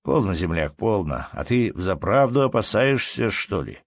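A man's voice: lowish voice, very animated, moderate pace, dry recording. A man voicing a sly, glib red-bearded peasant trickster who talks in a wheedling, mock-friendly way. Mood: coaxing.

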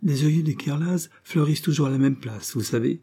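A man reading the part of a proud, hurt provincial noblewoman who speaks quietly and with restraint. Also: fairly high pitch, brisk, slightly rough, voice pushed up.

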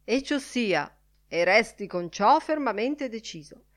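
A woman's voice: fairly high pitch, animated, a little slow, pitched above the performer's own voice. A woman reader voicing a pompous, jovial man who declaims a mock-formal motion in a raised voice. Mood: mock-solemn.

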